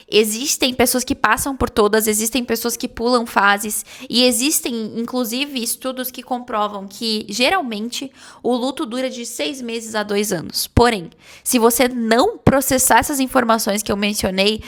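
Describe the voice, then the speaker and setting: A woman's voice: a little high, a bit bright. A woman speaking earnestly and reassuringly to her viewers in a heartfelt vlog. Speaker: vlogger. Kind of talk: heartfelt talk to camera.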